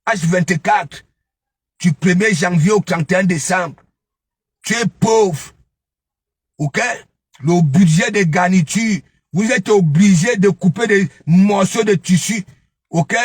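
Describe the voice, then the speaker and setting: An online gossip commentator delivers ranting live commentary, taunting and scolding his target with mockery and repeatedly asking "hein?". His high-sitting voice is slow and husky, with no room sound.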